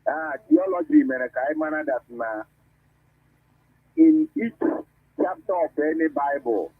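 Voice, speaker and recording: A man with a Nigerian Igbo accent talking casually on a radio show, switching between English and Igbo in a lively, expressive way. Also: on the high side, measured pace, slightly rough, dry recording. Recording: tinny phone-line radio audio.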